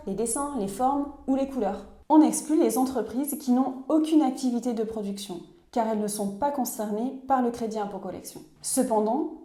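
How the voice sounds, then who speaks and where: A woman reading a scripted voice-over explainer in a clear, measured, instructive way. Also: a little high, warm tone, roomy sound. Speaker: narrator of a tax explainer video.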